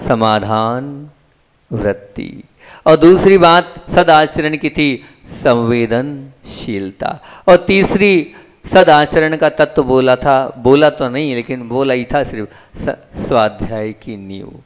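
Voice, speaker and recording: A man's voice: slow, smooth. Resonant male monk preaching. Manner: asks the audience questions and answers them himself; acts out dialogue in a story with shifting pitch. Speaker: Jain monk giving a discourse. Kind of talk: sermon.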